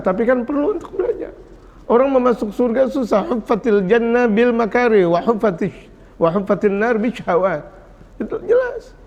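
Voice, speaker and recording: Lively high-voiced preacher. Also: male voice, dull audio. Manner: lively, jokes and acts out scolding parents. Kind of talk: sermon.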